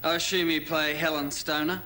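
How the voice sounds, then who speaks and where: A man's voice: fairly high pitch, little pitch movement, moderate pace, pushed and bright, reverberant, soft background music. An actor playing a tough male inquiry agent who speaks bluntly and makes threats. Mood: probing.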